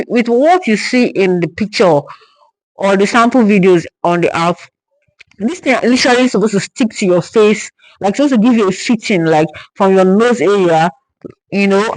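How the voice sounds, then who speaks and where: A woman's voice: mid-range voice, poor audio. A young woman from Nigeria reviewing a haul to camera in casual talk, exasperated and stumbling over repeated words when upset. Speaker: vlogger.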